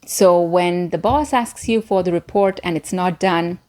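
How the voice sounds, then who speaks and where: A woman with a lowish, slightly mellow voice gives an instructional talk as a voice coach. She addresses viewers directly and encouragingly, deliberately stressing key words.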